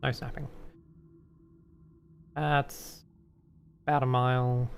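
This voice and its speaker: A man casually narrating a tabletop game as game master, pausing often to think. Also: mid-range voice, flat delivery, gravelly, slight background noise.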